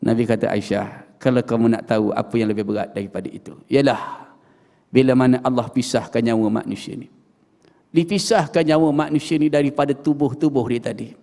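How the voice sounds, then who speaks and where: A man with a Malaysian Malay accent preaching a storytelling sermon in a prayer hall, swinging dramatically between loud and hushed. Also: medium pitch, brisk, creaky.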